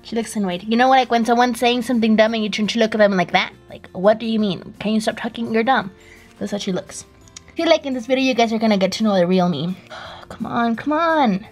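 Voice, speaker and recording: A woman chatting casually in a vlog, excitable and fretful, gasping as she handles her dolls. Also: a little high, quick pace, faint music behind. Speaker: doll vlogger.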